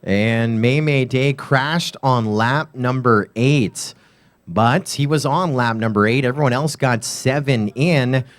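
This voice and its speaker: A man announcing a drone race live, giving rapid play-by-play of lap times and reading sponsor lines. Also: medium pitch.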